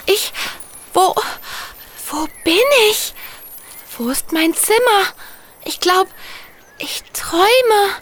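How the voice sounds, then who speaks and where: A woman's voice: extremely high pitch, animated, takes it slowly, pauses often, a bit bright, full character voice. Malou, a woman playing a bewildered little fairy girl. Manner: confused, stammering questions. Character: eight-year-old girl turned fairy, bewildered. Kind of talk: children's audio drama.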